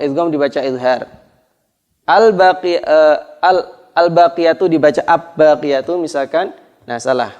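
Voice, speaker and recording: A man teaching a lesson on Quran recitation rules, drawing out the Arabic examples slowly and deliberately. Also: on the high side, darkish tone, highs cut off.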